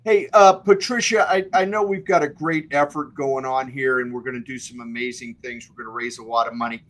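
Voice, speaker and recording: A man's voice: mid-range voice, fairly even intonation, a little fast, a bit bright, rough recording. Upbeat encouraging male auctioneer. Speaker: auctioneer and co-host. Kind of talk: live-streamed fundraiser chat.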